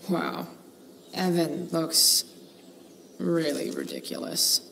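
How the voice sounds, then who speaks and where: A woman playing a sardonic, rebellious teenage girl thinking to herself in a video game, with a slow, dry, gravelly drawl. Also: low voice, wildly swooping pitch, a bit bright, exaggerated voice. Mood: dry, wry. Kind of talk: video game inner monologue. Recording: echoey, distant, faint noise.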